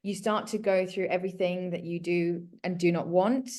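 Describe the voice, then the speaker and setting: Speaking with a lowish, dark voice, fairly even intonation and a moderate pace, a South African home organiser in her thirties talks casually and earnestly as a guest about her work and her personal story.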